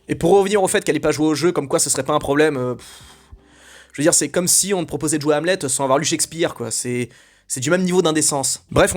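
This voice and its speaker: Man, fairly high voice, indignant commentary monologue, blunt, hesitant and rambling, quiet music underneath. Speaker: video commentator.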